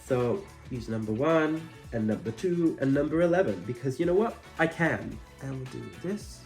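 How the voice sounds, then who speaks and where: A man talks in a campy drag queen manner at a middling pitch. He chats casually as he demonstrates makeup, with dry, self-deprecating asides. Music plays behind his voice. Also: lively intonation, moderate pace, darkish tone. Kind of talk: casual makeup tutorial chat.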